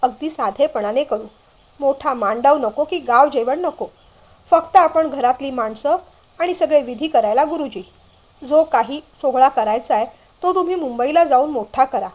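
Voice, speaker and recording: Brief: a woman reading a frail dying father, quiet and sorrowful, pitched high. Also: moderate pace, natural voice. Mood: pleading, sorrowful.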